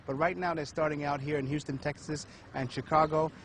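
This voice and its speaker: A man's voice: on the high side, steady tone, fairly quick, fairly bright tone. Man hosting a street interview over traffic. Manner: easygoing, many fillers and backchannel murmurs. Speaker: host. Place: outdoors in a city neighborhood. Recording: outdoor street noise.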